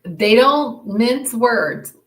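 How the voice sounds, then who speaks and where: A woman's voice: on the high side, animated, drawn-out words, a bit bright. A woman co-hosting a podcast in casual sports chat, emphatic and playful with words. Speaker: podcast co-host. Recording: roomy echo.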